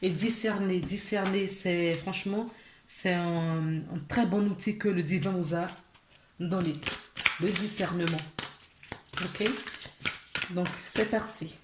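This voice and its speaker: A woman's voice: lowish voice, steady tone, slow, long pauses, echoey room, very noisy. A woman giving a casual tarot reading to her viewers, chatty, with many fillers, restarts and small laughs. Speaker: tarot card reader.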